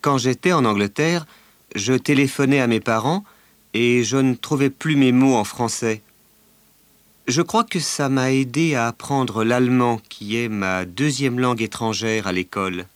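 A man voicing a slow, careful French schoolboy. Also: medium pitch, no echo, close to an everyday voice. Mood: matter-of-fact. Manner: slow, carefully articulated delivery. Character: friendly bilingual French teenage schoolboy. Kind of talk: scripted language-course recording.

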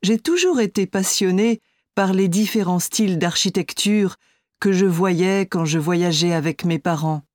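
A woman playing an architect in a scripted listening-exam interview, speaking clearly and steadily. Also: fairly low pitch, measured pace, a little mellow, no echo, studio quality, lightly acted. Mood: calm. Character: adult woman architect, friendly and composed.

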